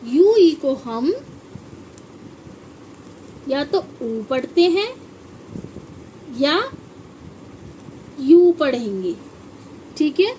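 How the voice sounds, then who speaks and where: A woman's voice: sits high, mellow, a little hiss or hum. A woman teaching an English phonics lesson to children. She spells words out letter by letter and asks the children to say them back. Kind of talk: classroom-style phonics lesson.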